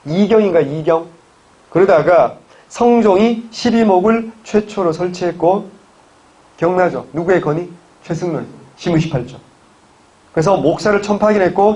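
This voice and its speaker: Male history lecturer, husky, slightly high voice, quizzes the class and answers himself, dull lo-fi recording. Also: darkish tone. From Gyeongsang province, Korea. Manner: quizzing, answers his own questions. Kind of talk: exam-prep lecture.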